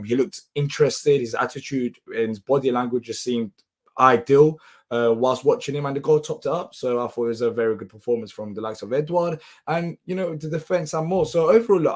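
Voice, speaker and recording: A man hosting a live football reaction show, his voice hoarse and half lost, sounding tired. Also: medium pitch. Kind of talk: live match reaction commentary.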